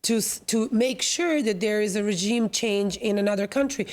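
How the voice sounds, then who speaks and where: A woman from Serbia, a panel guest, speaking in a measured, deliberate way with some hesitation. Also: medium pitch. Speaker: panel guest, NGO vice president. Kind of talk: panel discussion.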